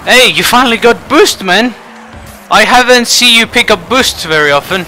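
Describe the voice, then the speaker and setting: A man giving frustrated gameplay commentary, swinging between muttering and shouting. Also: extremely high pitch, lively intonation, moderate pace, faint music behind, poor audio. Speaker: gaming channel host.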